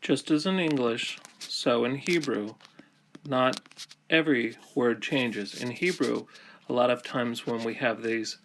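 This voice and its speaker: A man teaching a grammar lesson, explaining step by step in slow, deliberate phrases with many pauses. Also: mid-range voice, a bit bright, a little hiss or hum.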